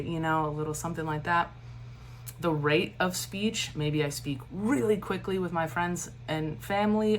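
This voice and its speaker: Lady teacher w a low voice doing an online lecture, steady cadence, bit of hum in the background. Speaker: instructor. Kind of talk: lecture for a recorded online class.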